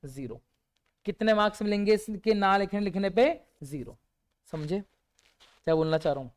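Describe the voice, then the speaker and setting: A male teacher revises with his class by asking rhetorical questions, many of which he answers himself with a quiet word. He has a high voice with lively intonation and talks at a normal speed.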